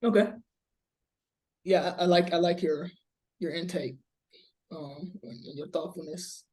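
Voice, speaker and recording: A man co-hosting a casual sports podcast, hesitant and measured with many fillers. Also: fairly high pitch, fairly even intonation, a little mellow. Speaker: podcast co-host.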